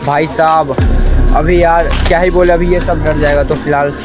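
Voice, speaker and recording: Young male vlogger, high voice, excitable and repetitive, phone-recorded outdoors over music. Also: moderate pace. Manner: excited, repeats himself to friends. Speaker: vlogger host. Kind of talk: casual vlog narration. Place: outdoors at night camping by an old house.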